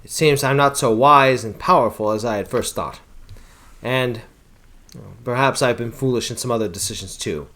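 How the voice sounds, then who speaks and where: A man voicing a proud, gruff older male wizard who calls the hero "boy", reading game dialogue aloud with a slightly lowered voice. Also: normal speed, fairly bright tone, close to an everyday voice. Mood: humbled.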